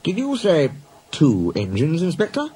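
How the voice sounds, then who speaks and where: A man's voice: a little high, huge pitch swings, measured pace, dark tone, slightly rough, pitched above the performer's own voice, heavily acted. Man doing the stern Fat Controller. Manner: clipped, firm and dry. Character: stern portly male railway boss, brisk.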